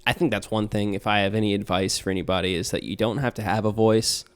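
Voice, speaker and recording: A man's voice: fairly low pitch, fairly even intonation, quick pace, smooth. A young man talking casually on a podcast about tabletop games, earnest and rambling with restarts and fillers. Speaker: podcast guest, tabletop player and game master.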